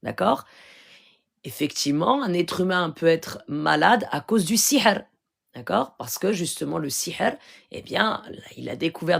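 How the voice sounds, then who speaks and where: A woman's voice: low-pitched, gravelly, husky. A woman from Morocco, a spiritual healer talking casually on a phone live stream and teaching earnestly, often checking in with her listeners. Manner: earnest and instructive, keeps checking in with "d'accord?".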